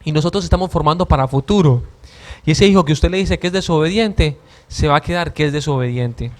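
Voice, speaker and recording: High-voiced earnest Colombian man preaching. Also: fairly quick. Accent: Colombian Caribbean. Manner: earnest, repeats words and stumbles often. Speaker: lay preacher.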